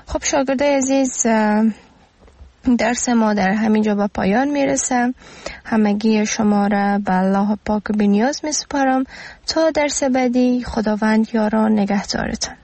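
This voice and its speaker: A woman with an Afghan Dari accent closing a radio lesson as a teacher. She speaks in a measured way and pauses hesitantly often. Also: on the high side, warm tone.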